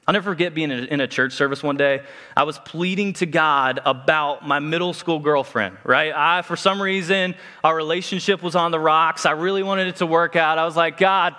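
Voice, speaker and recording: A man's voice: a little high, sharp tone. A young adult man preaching a sermon in a church, talking conversationally and asking the congregation questions. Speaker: pastor. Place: church sanctuary. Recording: long hall reverb.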